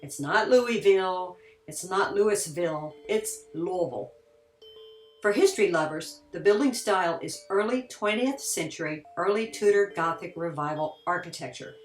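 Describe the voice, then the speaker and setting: A woman's voice: fairly low pitch, moderate pace, hardly any pauses, distant mic, faint music behind. Kentucky woman guiding a tour in an echoing hall. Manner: conversational, explanatory. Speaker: tour guide. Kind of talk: on-site tour narration. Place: large empty historic building, indoors.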